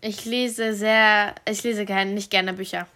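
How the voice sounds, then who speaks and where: Bright-voiced woman talking slowly with headphones on. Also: medium pitch, fairly even intonation. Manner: talking with headphones on over loud music, not hearing herself. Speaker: challenge guest. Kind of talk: casual question-and-answer game.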